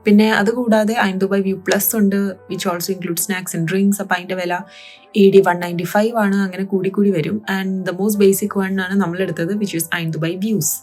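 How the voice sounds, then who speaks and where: A woman's voice: mid-range voice, fairly even intonation, moderate pace, a little mellow, soft background music. A woman with a Malayali accent narrating a travel vlog informatively, mixing Malayalam with English phrases. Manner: mixes Malayalam and English mid-sentence. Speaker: travel vlogger.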